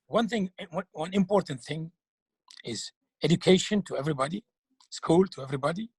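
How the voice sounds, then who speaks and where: Man, husky, fairly high, dry close sound, halting speech with repeated words. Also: lively intonation, darkish tone, no room sound. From Algeria. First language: French. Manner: earnest, halting, repeats words while searching for them. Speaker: clown and children's TV performer. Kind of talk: interview answers.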